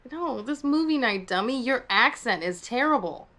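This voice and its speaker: An actress in a live-action video game scene, talking in a teasing, playful way. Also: female voice, a little high, lively intonation, moderate pace, bright, forceful tone.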